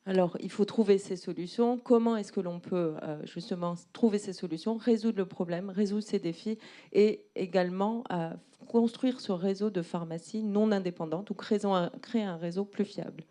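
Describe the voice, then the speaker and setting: A woman's voice: medium pitch, moderate pace, warm tone. A woman interpreting a presentation live, explaining and rephrasing as she goes.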